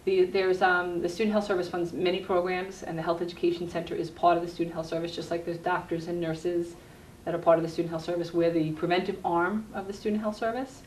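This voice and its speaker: This is a guest on a cable TV program: a middle-aged woman who works as a university health educator, explaining her job earnestly in a conversational interview. She talks fast with a lowish voice and little pitch movement. The room echoes, the mic is far off and there's faint noise.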